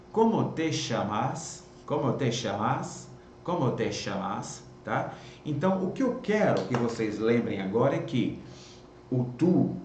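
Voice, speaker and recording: A man's voice: mid-range voice, darkish tone, echoey room, a little hiss or hum. A Brazilian man with a Bahian accent teaching Spanish in a live online lesson, repeating words as drills and checking in with "tá?" after each point. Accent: Bahian Portuguese. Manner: drills words by repeating them, ends phrases with "tá?".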